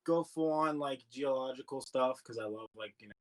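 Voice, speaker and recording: A man's voice: medium pitch, moderate pace. Laid-back laughing young man. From California. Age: 20s. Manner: laid-back, laughing often, lots of fillers. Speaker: guest. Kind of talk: casual chat.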